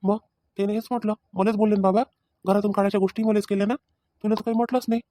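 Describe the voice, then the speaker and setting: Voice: medium pitch, little pitch movement, racing, dark tone, dry recording, clean studio sound, lightly acted. A performer voicing a remorseful young husband in a cartoon family drama who pleads and defends himself, speaking. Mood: aggrieved.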